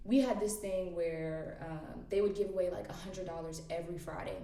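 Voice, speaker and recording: A young woman in her twenties from Tennessee, chatting casually as a podcast guest, animated and slangy as she tells stories. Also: fairly low pitch, normal speed. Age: 20s. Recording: roomy, distant mic.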